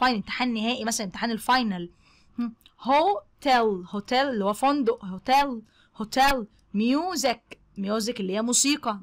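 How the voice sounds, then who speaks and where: A young woman with an Egyptian Arabic accent gives an English lesson to children. Her voice sits a little high, and she moves between slow, careful repeats of words and quick explanations. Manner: repeats each word slowly twice, then explains quickly. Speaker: English teacher. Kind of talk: classroom explanation.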